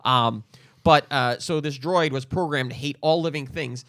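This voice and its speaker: A man's voice: medium pitch, moderate pace, a bit bright, no room sound, clean studio sound. A man co-hosting a podcast, chatting casually and enthusiastically, with frequent ums. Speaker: podcast co-host. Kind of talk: casual chat.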